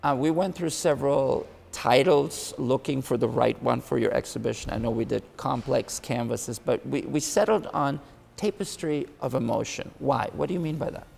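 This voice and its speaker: A man's voice: medium pitch, normal speed, vocal fry, darkish tone, long reverb tail, a little hiss or hum. A man hosting an interview, musing and hesitant with fillers. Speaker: interviewer host.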